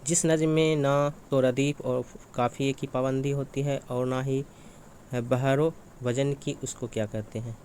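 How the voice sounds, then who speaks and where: A male teacher working through exam questions, asking each one aloud and answering it himself, over and over. His voice sits at an ordinary middle pitch. A faint hum runs underneath the recording. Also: fairly even intonation, a little slow, a little mellow. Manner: repetitive, asks and answers his own questions.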